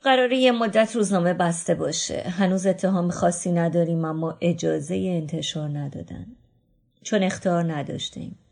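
A woman voicing a kind, weary male newspaper editor, speaking calmly and gently in a book reading. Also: on the low side, vocal fry. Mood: reassuring. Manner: calm, gentle reassurance. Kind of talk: audiobook reading.

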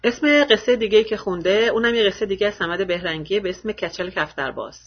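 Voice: mid-range voice, husky. Chatty podcast co-host. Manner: chatty, um-filled. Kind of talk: casual chat. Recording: muffled lo-fi recording.

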